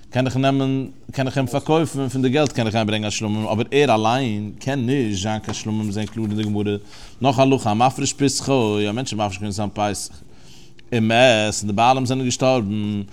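A man's voice: on the low side, clear, resonant tone. A man teaching a Talmud lesson, reasoning aloud through the text and asking and answering his own questions.

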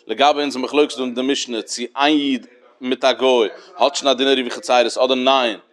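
A man's voice: mid-range voice, fairly even intonation, fairly quick, a bit bright. A man teaching a Talmud lesson in a sing-song study cadence with many fillers.

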